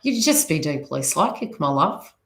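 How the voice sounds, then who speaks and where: With a low, very animated voice at a normal pace, a woman with a light New Zealand accent rambles through spiritual advice for live viewers. She's the host and psychic reader, chatting in asides, and the audio sounds echoey and roomy.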